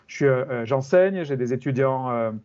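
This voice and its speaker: Hesitant middle-aged French-born professor, muffled. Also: male voice, medium pitch, darkish tone. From France. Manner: measured, hesitant with frequent fillers and restarts. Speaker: criminology professor, interview guest. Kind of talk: explanatory interview answers.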